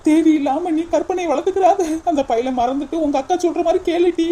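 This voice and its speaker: A woman's voice: extremely high pitch, fast talker, warm tone. A woman doing a blunt scolding village auntie. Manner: scolding, calls the girl "di".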